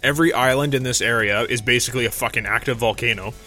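A man's voice: mid-range voice, fast talker, bright, forceful tone, faint music behind. A young man hosting a podcast, telling rambling, profane stories in casual chat into a studio mic. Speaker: podcast host. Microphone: studio mic through a mixer.

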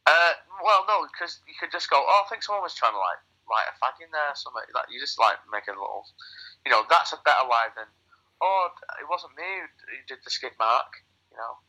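A man with a cold, the podcast's co-host, comes through a phone call on speaker, rambling and telling crude jokes. He talks briskly in a mid-range voice that swings widely in pitch and sounds pushed and bright.

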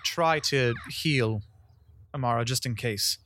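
Hesitant, soft-spoken male player. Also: medium pitch, slow pace, dry recording. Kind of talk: tabletop role-play.

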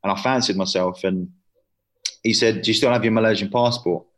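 Man, low voice, twenties, casual interview chat, lots of "you know". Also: fairly even intonation, fairly quick. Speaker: interview guest, footballer.

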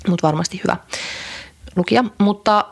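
A young adult woman co-hosting a podcast, chatting in a rambling way with many fillers and restarts. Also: mid-range voice. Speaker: podcast co-host. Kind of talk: casual chat.

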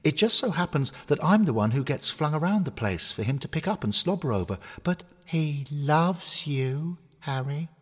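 A man's voice: on the high side, big pitch swings, normal speed, hardly any pauses, slightly rough, in a large hall, voice pushed up. A man voicing a cheerful male hornet mascot toy who talks in an earnest, coaxing way. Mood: encouraging. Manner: earnest, coaxing pep talk.

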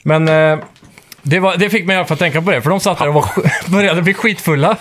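A man co-hosting a casual gaming podcast, telling stories in a lively way and laughing often. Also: on the high side. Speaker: podcast co-host.

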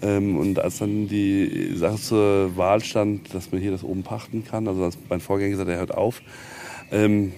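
This low, mellow male voice keeps a fairly even intonation at a normal speed. He's the castle's tenant and an event organizer, interviewed informally outdoors at its ruins, talking at length with rambling enthusiasm while faint noise hums behind him.

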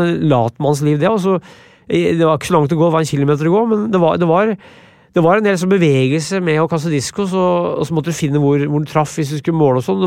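A man from tells stories at a podcast, rambling and blunt and often repeating himself. His voice sits a little high for a man. The sound is close and dry. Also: darkish tone, dry recording. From Brumunddal, Norway. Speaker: podcast guest, author. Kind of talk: casual storytelling in interview.

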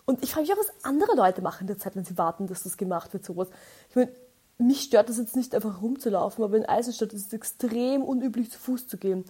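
Young woman, Austrian accent, podcast host, casual storytelling, chatty and animated, slightly high voice. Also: fast talker, breathy edge. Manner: chatty and animated, acting out quoted dialogue.

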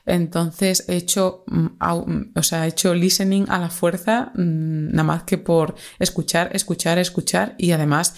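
A woman's voice: on the low side, flat delivery, normal speed, creaky, few pauses. A young woman from Spain with a Spanish accent, talking casually and at length in a solo podcast, with lots of fillers and self-corrections. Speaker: podcast host.

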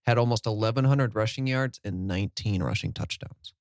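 A man co-hosting a casual sports podcast, relaxed and sprinkling in "like" as he reels off stats. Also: fairly low pitch, fairly quick, no room sound, clean studio sound. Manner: relaxed, fills with "like", lists stats. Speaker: podcast co-host.

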